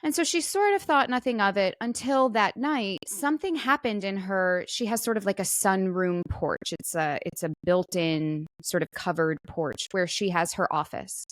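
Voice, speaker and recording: This woman's medium-pitched voice runs at a moderate pace with hardly any pauses, and the recording has no room sound. Co-hosting a casual talk show, she retells a viral story in a conversational, storytelling manner, acting out quotes as asides.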